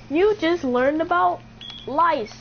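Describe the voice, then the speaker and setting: Teasing high-voiced woman gaming. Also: animated, slight background noise. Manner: teasing, playful, quick to laugh. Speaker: gaming video host. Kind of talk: casual gameplay chat. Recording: dull lo-fi game chat audio.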